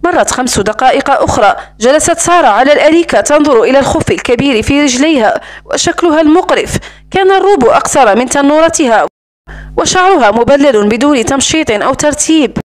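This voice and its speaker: A woman with a high voice narrates a romance novel for an audiobook. Her reading is steady and even, in a plain storytelling manner. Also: quick pace.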